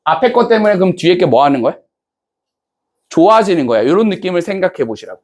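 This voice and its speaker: A man with a fairly high voice lectures a class in a relaxed, chatty way. He keeps firing questions at the students and checking that they follow. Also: quick pace. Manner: casual banter-style speech to students. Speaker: English teacher.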